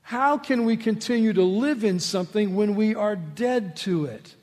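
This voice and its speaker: Emphatic high-voiced preacher in a reverberant hall. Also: male voice, moderate pace. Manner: emphatic, swings between loud rhetorical questions and low asides. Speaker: pastor. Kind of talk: sermon.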